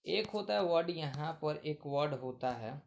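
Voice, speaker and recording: A man's voice: fairly high pitch, expressive, unhurried, creaky. Male tutor, casual lesson, asks and answers his own questions. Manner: repetitive, asks questions then answers them. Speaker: vocabulary teacher. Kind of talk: casual Hindi vocabulary lesson.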